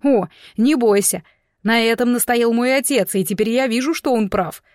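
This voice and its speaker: A woman's voice: on the high side, normal speed, no room sound, clean studio sound, natural voice. Woman reading as a smug arrogant young man. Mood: cold. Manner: mocking, condescending. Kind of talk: audiobook character voice.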